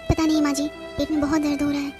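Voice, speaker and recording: A woman's voice: high-pitched, monotone, fast, music in the background, lightly acted. A woman voicing a young pregnant daughter-in-law, pleading and distressed, in a cartoon. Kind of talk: cartoon voice acting.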